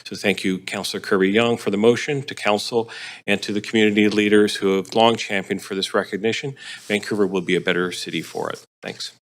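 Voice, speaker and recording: A man, a city councillor from Canada, giving measured remarks at a council meeting with frequent pauses. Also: on the low side, fairly even intonation.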